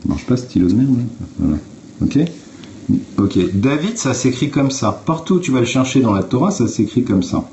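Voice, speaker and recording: A man's voice: mid-range voice, big pitch swings, moderate pace, warm tone, slight background noise. A man on a phone livestream, talking to viewers in a blunt, informal way and explaining step by step. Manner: blunt, informal, swears, addresses viewers directly. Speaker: livestream host. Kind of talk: casual explanatory livestream talk.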